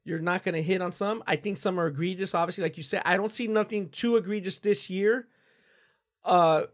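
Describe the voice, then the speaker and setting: Man, slightly high pitch, slight cough, podcast co-host, animated opinions, quick affirmations. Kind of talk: casual sports podcast chat.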